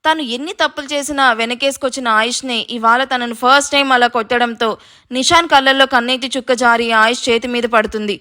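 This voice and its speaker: A woman's voice: on the high side, fairly even intonation, fast talker, pushed and bright. A woman narrating an emotional story in a dramatic way.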